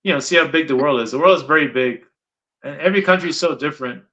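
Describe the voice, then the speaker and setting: A man's voice: on the high side, fast, sharp tone. A middle-aged man from Guyana, chatting casually as an interviewer, rambling and repeating his points for emphasis. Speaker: interviewer and channel host. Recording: dull lo-fi sound.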